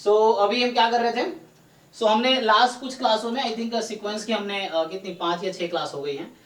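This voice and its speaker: A man's voice: high voice, normal speed, fairly bright tone. A man teaching a live online math class, explaining step by step and often checking in with his students. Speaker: statistics teacher. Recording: roomy echo, distant mic.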